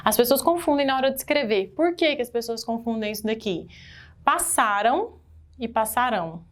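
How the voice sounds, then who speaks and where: Brazilian woman, exam-prep grammar teacher, animated and questioning, slightly high-pitched. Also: fast. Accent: Brazilian Portuguese. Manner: animated, asks the class questions and stresses key words.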